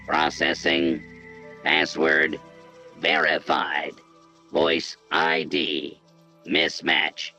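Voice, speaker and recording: A man voicing a bank's automated computer teller, speaking in flat, clipped announcements. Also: a bass voice, creaky, full character voice. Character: male bank computer teller voice.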